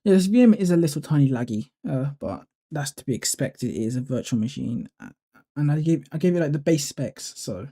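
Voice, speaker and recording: Man, deep dark tone, relaxed tutorial narrator who thinks aloud. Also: fairly quick. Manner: relaxed, thinking aloud with fillers and self-corrections. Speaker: YouTuber walking through a code editor setup. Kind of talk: casual screen-recording tutorial.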